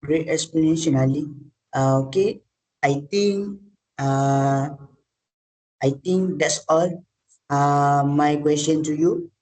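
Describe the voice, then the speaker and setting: A man's voice: fairly high pitch, slow pace, a little mellow, poor audio. A man asking interview questions in English, hesitant, often repeating and correcting his words.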